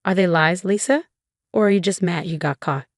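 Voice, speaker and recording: A woman's voice: fairly low pitch, normal speed, dry recording, studio quality, close to an everyday voice. A woman voicing a scheming, smug young sister-in-law who talks with sweet, fake innocence, in a storybook narration. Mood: smug venomous. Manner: sweetly venomous, feigning innocence.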